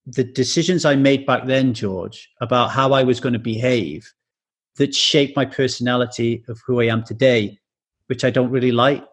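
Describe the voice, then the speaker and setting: A man hosts a podcast interview in a mid-pitched, even voice. He is earnest and personal, stacking up questions and telling his own childhood stories in between. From England. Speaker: podcast host. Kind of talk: interviewing a guest.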